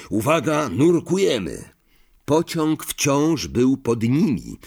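A man narrating an audiobook with expressive storytelling. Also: lowish voice. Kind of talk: audiobook reading.

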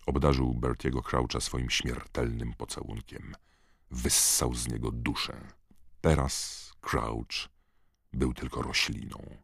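A man reading an audiobook as narrator in a steady, measured way. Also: extremely low pitch, creaky, breathy edge, no echo, studio quality.

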